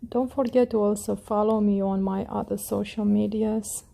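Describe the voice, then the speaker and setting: A woman hosting a crochet tutorial, talking in a calm, low, relaxed voice that slips into soft whispers. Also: normal speed, creaky.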